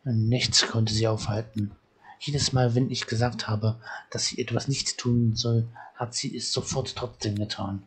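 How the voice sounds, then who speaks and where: A man's voice: mid-range voice, fairly even intonation, unhurried, breathy edge. A man reading a stern but caring elderly island elder's lines aloud from a game. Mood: fond.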